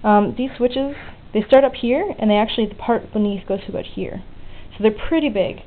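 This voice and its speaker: A woman whose voice is on the high side talks a little fast while giving a casual, hands-on electronics demonstration, unscripted and frankly explained. As a DIY hobbyist, she keeps it informal. The recording is lo-fi and phone-like, muffled with faint noise.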